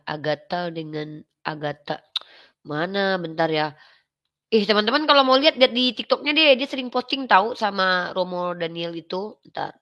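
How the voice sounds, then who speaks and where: A young adult woman casually talking on a livestream, animated and quoting others as she goes. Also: on the low side, highs cut off. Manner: animated, quotes others in acted voices. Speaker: live streamer commenting on religious controversy.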